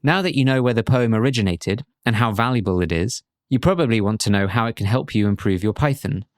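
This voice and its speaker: A man narrating a scripted programming course as instructor, in a clear, measured way with light humor. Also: on the low side, no room sound, clean studio sound.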